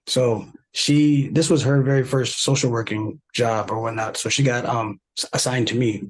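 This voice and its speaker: Man, 30s, from South Sudan, podcast guest; husky, easygoing storyteller with plenty of fillers. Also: mid-range voice, normal speed, low-quality recording. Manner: relaxed, many fillers and restarts, laughs while telling. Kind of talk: casual interview storytelling.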